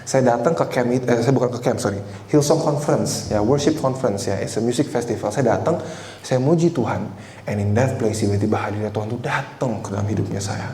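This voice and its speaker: A man's voice: mid-range voice, brisk, warm tone. A man in his twenties giving a conversational sermon, telling a personal story and often turning to address the congregation. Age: 20s. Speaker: preacher. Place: church hall. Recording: echoey church hall with faint noise.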